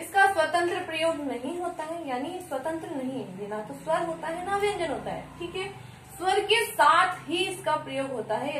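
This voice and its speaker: A woman teaching a grammar lesson to students, asking questions and answering them herself and drawing out example words slowly. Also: high-pitched, fairly bright tone, slight background noise. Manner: stretches out example words to show how they are said. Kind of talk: classroom-style video lesson. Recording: echoey room, voice a bit distant from the mic.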